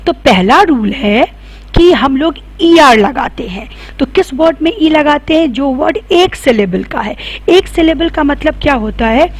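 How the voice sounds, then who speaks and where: A woman's voice: high voice, expressive, unhurried. A woman teaching a grammar lesson. She asks questions and answers them herself, and spells words out letter by letter.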